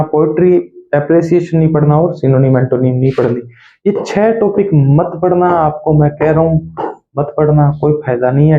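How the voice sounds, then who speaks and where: A man coaching exam candidates, blunt and repetitive, drilling lists of what to study and what to skip. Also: on the high side. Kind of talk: advice talk to exam candidates. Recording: echoey, tinny phone-like sound.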